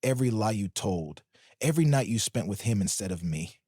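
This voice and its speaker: Storybook figure: a firm, cold husband, voiced by a man narrating, low and bitter, with a dry close sound. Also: lively intonation, a little fast, dark tone, breathy edge, no room sound.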